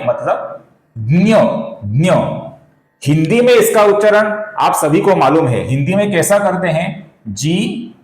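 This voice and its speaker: Male teacher, Marathi accent, unhurried, repeats syllables, slightly high voice, echoey room. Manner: slow, deliberate, repeats syllables and addresses viewers as friends. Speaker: Sanskrit pronunciation teacher. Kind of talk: recitation lesson.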